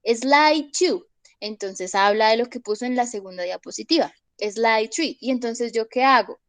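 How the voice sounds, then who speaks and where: A woman's voice: a little high, unhurried, no room sound, low-quality recording. A young adult woman teaching an online English class from home into her phone microphone. She explains step by step and keeps checking that students follow.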